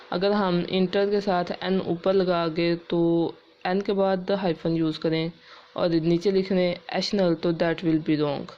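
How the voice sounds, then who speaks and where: A woman English teacher explaining grammar rules step by step, spelling words out letter by letter and reading English rules slowly and carefully. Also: on the low side, mellow, highs cut off. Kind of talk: classroom-style grammar lesson.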